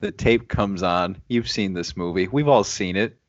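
A man's voice: sits low, normal speed, no echo, lo-fi sound. A man hosting a casual podcast chat, playful and teasing, recorded over a video call. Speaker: podcast host.

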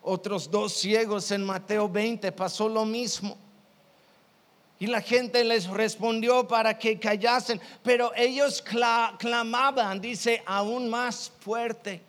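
A male pastor delivers a sermon in a high voice at an unhurried, deliberate pace. He retells stories with emphasis, repeating phrases for weight. His words trail into the long reverb of a church hall. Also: fairly even intonation, fairly bright tone. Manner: emphatic, storytelling with repetitions.

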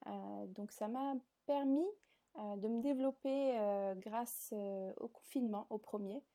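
A woman's voice: medium pitch, a little slow, mellow. A woman in her twenties from southern France, answering interview questions in a chatty way with frequent hesitations. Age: 20s. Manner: chatty, many filler hesitations. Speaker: guest, content creator.

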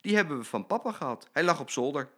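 Older man putting on a little boy, high, bright, excited, storybook voice. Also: fast talker, full character voice. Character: excited little boy Koen, playful prankster. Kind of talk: children's story reading.

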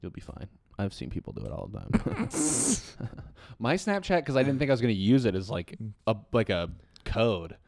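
A man's voice: medium pitch, wildly swooping pitch, moderate pace, creaky, a little mellow, no echo. A man hosting a podcast, chatting casually and teasing his guest with frequent laughter. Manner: playful, teasing, laughs often. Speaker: podcast host. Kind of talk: casual chat.

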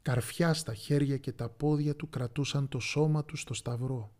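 A man narrating a Bible story in a slow, dramatic way, with pauses and the odd whisper. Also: mid-range voice, steady tone, darkish tone.

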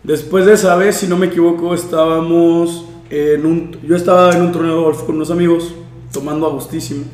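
A young man with a Mexican accent, relaxed and slangy, telling a story in a casual podcast chat. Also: on the high side, brisk. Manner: relaxed, slangy, recounts with quoted dialogue. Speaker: podcast co-host. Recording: roomy echo.

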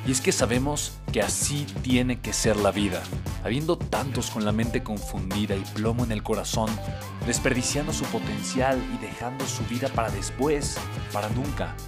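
A man reads a podcast opening in a steady, inspirational voice at an ordinary pitch. His words are scripted and even. Clear music plays under the whole voice-over. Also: normal speed. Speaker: podcast host. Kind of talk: scripted podcast intro narration. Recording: intro voice-over with music behind.

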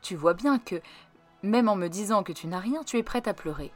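A woman voicing a gentle but firm mother who talks soothingly and moralizes. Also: medium pitch, animated, normal speed, soft background music, lightly acted.

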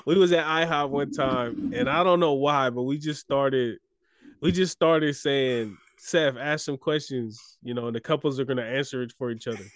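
A man's voice: medium pitch, moderate pace, dry recording, clean studio sound. A man co-hosting a casual chat, a laid-back storyteller who laughs often. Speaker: podcast co-host.

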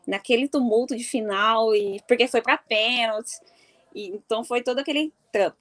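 A woman from do Sul, casually telling a personal story in an animated way and laughing often. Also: a little high, moderate pace. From Mato Grosso do Sul, Brazil. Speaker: football fan.

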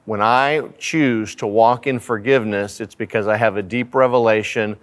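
A man's voice: on the low side, fairly even intonation, moderate pace. A man speaking as a pastor, giving a conversational, earnest Bible study sermon with repeated phrasing for emphasis. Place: church sanctuary.

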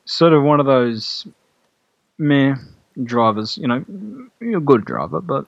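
A man's voice: mid-range voice, unhurried, vocal fry, no room sound, muffled recording. Laid-back man chatting as a podcast guest. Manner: laid-back, offhand, slangy remarks with frequent laughs. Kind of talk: casual chat.

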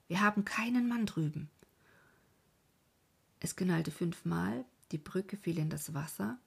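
A woman's voice: on the low side, darkish tone, slightly rough. A woman narrating a historical novel as an audiobook, often dropping to a half-whisper.

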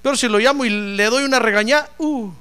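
A man preaching a sermon in an animated, joking way, acting out voices as he tells the story. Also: very high-pitched, fast, clean tone.

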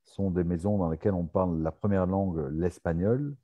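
A man hosting a live online question-and-answer session in a very low, dark voice. He teases the people he calls on and fills his pauses with hesitations. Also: fairly even intonation. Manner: teasing, hesitant with many fillers. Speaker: webinar host.

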